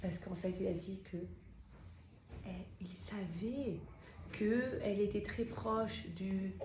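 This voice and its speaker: A woman telling a religious story to a group of women in a lively, chatty way, addressing her listeners directly. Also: medium pitch, slow. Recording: roomy echo, faint noise.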